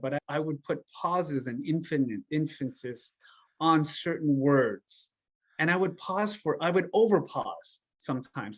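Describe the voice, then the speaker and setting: A man, a coach and podcast guest, telling a story in an animated, emphatic way and acting out what people said. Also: on the high side. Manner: animated, emphatic storyteller who acts out quotes. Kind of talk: conversational storytelling. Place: podcast interview.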